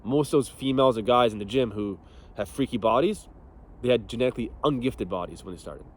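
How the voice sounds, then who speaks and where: Speaking quickly at a medium pitch, a young male fitness coach gives a casual motivational talk about training. He's blunt, swears a lot, and laughs while telling stories.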